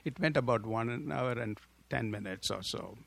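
A middle-aged man with an Indian accent, a pastor speaking as a radio interview guest in an earnest, hesitant way with many pauses. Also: medium pitch, gravelly. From southern India.

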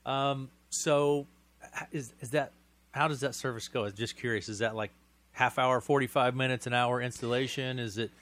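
A man's voice: mid-range voice, steady tone, normal speed, fairly bright tone. Friendly male radio interviewer. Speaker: radio host.

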